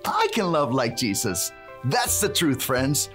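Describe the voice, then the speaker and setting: A man's voice: mid-range voice, big pitch swings, a little slow, fairly bright tone, soft background music. A man hosting a preschool Bible lesson as a cheerful handyman, playful and exclamatory, leading children in chants. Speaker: children's show host in character.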